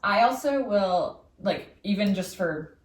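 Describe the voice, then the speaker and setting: A woman's voice: mid-range voice, expressive, takes it slowly. A young woman co-hosting a podcast, chatting casually, full of "like" fillers and reading quiz results aloud. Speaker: podcast co-host. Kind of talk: casual chat. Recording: roomy sound, distant from the mic.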